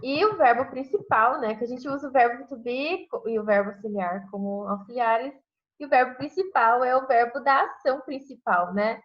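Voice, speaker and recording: A woman's voice: fairly high pitch, moderate pace. Brazilian woman teaching English, lots of "né". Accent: Brazilian Portuguese. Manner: explains step by step, says "né?" constantly. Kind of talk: online class grammar review. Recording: dull lo-fi online class audio.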